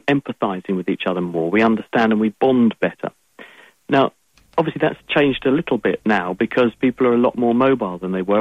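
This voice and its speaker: Listeners' questions get long, fluent explanations from this English-accented science guest on a radio call-in. His voice is medium-pitched, the line tinny like a phone, and there's no echo.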